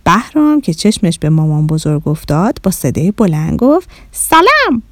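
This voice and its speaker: A woman narrating a children's story in a lively, expressive way. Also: low voice, no echo, studio quality.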